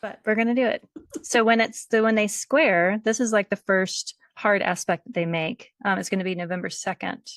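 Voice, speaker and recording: A woman hosting a casual conversation, explaining things in a relaxed way and thinking aloud as she goes. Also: medium pitch, moderate pace, no echo, clean studio sound. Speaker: host.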